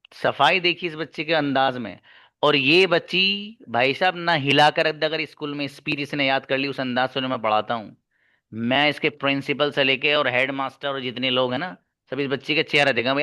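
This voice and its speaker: A man's voice: mid-range voice, pushed and bright, dry recording, clean studio sound. A man teaching an online class, talking emphatically and calling his listeners brother. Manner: emphatic, addresses listeners as brother, switches into Arabic and English examples. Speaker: English teacher.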